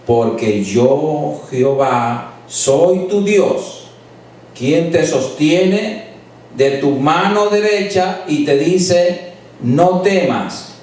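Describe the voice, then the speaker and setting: A male pastor delivers a sermon, building his points through emphatic repetition. His fairly high voice booms around a very reverberant church, captured from a distance. A faint hiss sits under it. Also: expressive, drawn-out words, a little mellow. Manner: preaching with rising emphatic repetition. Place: church sanctuary. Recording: echoey church hall picked up from a distance.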